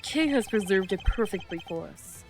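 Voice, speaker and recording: A woman's voice: medium pitch, lively intonation, moderate pace, soft background music, lightly acted. A woman voicing a composed, formal male lawyer who presses his case in a video game.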